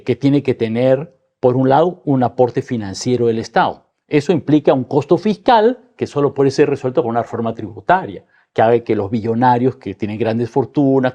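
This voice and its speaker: A man's voice: medium pitch, warm tone. A man, a guest in a political discussion, arguing emphatically and ending his points with tag questions.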